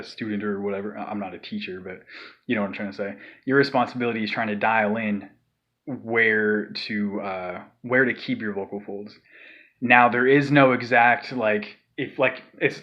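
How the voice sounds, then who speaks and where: On a muffled recording, a man with a lowish voice explains a vocal technique. His spoken tutorial is loose and rambling, packed with fillers and sighed demonstrations.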